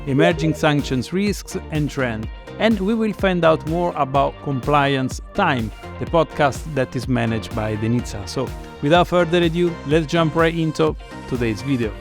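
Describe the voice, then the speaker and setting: Guy hosting an interview, polite, lots of ums and uhs, mid-pitched voice, video call. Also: creaky. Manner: hesitant, many fillers, polite. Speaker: host.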